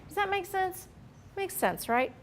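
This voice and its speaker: A woman leading a customer service training session, lively and acting out short role-play lines for her trainees. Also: very high-pitched, measured pace. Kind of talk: staff training talk with role-play examples.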